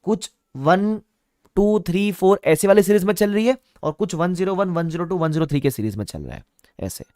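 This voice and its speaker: A man's voice: high voice, animated, brisk, a little mellow, dry recording, clean studio sound. A man teaching an online class, repeating key points with playful asides. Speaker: online exam-prep teacher. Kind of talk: lively classroom lecture.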